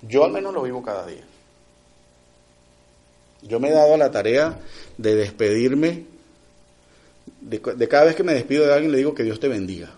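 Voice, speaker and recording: The voice is mid-range and animated: a middle-aged man giving a sermon in a conversational tone. He often pauses for quick check-ins with the audience, moving between loud, emphatic delivery and quieter lines.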